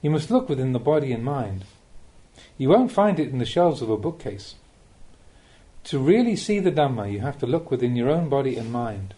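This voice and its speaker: A man gives an audiobook reading of a spiritual talk, voicing Buddhist teachings. Soft and mellow in tone, he varies his pitch with animation and teaches in a measured manner.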